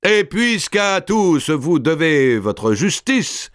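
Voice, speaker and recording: A man voicing a furious young noble man who loudly and indignantly claims his inheritance before a king. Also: on the high side, big pitch swings, takes it slowly, no echo, studio quality, pitched above the performer's own voice, heavily acted. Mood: indignant, declaiming. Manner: loud, indignant declaiming.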